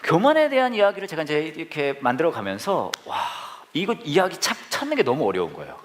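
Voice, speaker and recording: A man's voice: on the high side, wildly swooping pitch, quick pace, a little hiss or hum. A male pastor giving a sermon, telling a humorous personal story with asides to the congregation.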